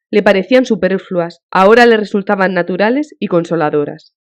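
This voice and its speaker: A woman's voice: mid-range voice, a little mellow. Woman narrating an audiobook. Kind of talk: scripted narration. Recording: dull lo-fi audiobook recording.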